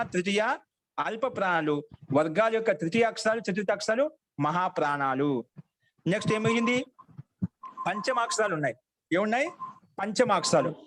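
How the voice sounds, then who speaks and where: A man's voice: high-pitched, a bit bright. A man teaching a Sanskrit grammar class online, repeating questions and answering them himself in a call-and-response way.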